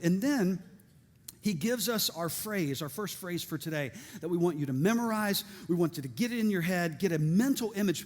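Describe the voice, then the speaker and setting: A middle-aged male pastor preaching a sermon, energetic and lively, with joking asides and calls to the congregation. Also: sits high. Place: church sanctuary. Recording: reverberant church hall.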